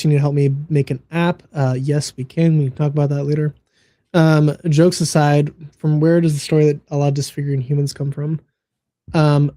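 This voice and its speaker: A man's voice: fairly high pitch, mellow, dry recording. A man co-hosting a casual livestream, answering chat comments with frequent laughs and fillers. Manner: laughs often, talks through fillers.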